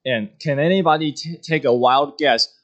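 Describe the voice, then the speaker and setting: A man's voice: fairly high pitch, muffled recording. Earnest man from Taiwan giving testimony. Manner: earnest, halting with many fillers. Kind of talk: church testimony.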